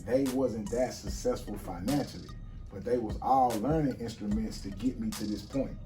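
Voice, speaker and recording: A man in his forties, speaking casually and telling his life story in a relaxed, street-wise way as the guest of an interview. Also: lowish voice, normal speed, distant mic, soft background music. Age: 40s. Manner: relaxed street-wise storytelling, frequent "you see what I'm saying". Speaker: guest entrepreneur.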